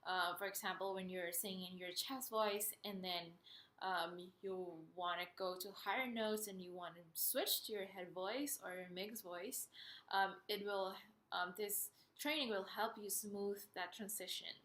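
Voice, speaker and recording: Slow-paced woman singing teacher, bright voice. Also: mid-range voice, fairly even intonation, a little hiss or hum. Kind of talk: instructional vocal lesson, explaining step by step. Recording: roomy, echoey sound.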